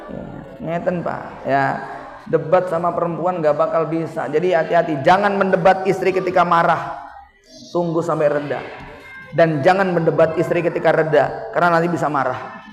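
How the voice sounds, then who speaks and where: High-voiced Javanese preacher in echoey mosque. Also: male voice, steady tone, normal speed, faint music behind. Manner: humorous, folksy, acts out quoted wife and husband. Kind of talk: mosque sermon. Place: mosque hall. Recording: echoey mosque hall reverb.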